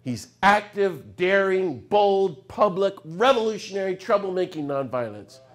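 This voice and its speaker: Middle aged guy giving a talk, highish voice, goes quiet then gets loud and worked up telling stories. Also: unhurried. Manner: animated storytelling with sudden swings between hushed and loud. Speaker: speaker. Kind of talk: public lecture.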